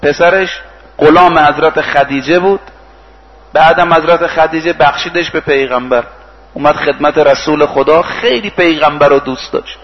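A man's voice: on the high side, fairly even intonation, in a large hall, dull audio. A male preacher giving a sermon. He retells stories, acts out the speakers' lines and recites Arabic verses. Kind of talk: sermon with storytelling.

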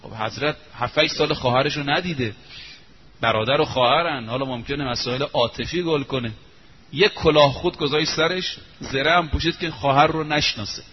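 A man preaching a sermon, telling a story emphatically and drawing out quoted phrases slowly. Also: on the high side, breathy edge. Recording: muffled lo-fi recording, faint hiss.

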